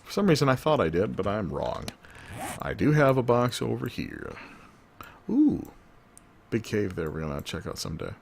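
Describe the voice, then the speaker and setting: A man with a low-pitched voice talks through a survival game as he plays. He rambles loosely and cracks jokes to himself between moves. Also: very animated, brisk, vocal fry, a little hiss or hum. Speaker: gaming video host. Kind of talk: let's-play commentary.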